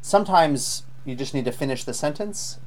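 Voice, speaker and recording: A man's voice: fairly high pitch, animated, moderate pace, darkish tone. Patient male IELTS teacher giving feedback. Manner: patient, explanatory, frequent ums. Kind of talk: live online lesson feedback.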